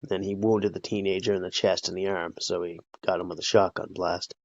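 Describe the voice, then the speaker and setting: Man, podcast host, deep, gravelly, casual profane storytelling, dull lo-fi audio. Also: little pitch movement, a little fast, no echo. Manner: loose, profane, conversational with frequent "right?" and "like". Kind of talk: casual true-crime storytelling.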